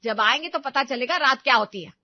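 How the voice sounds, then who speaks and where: A woman putting on a shrill scolding housewife. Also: fast, no room sound, highs cut off. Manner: scolding, sharp and loud. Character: shrill quarrelsome middle-aged housewife.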